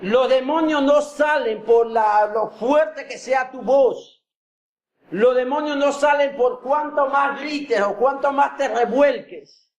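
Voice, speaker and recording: A male pastor preaching a sermon, shouting at the peaks and calling for applause. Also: very high voice, takes it slowly, lo-fi sound. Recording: echoey hall from far off.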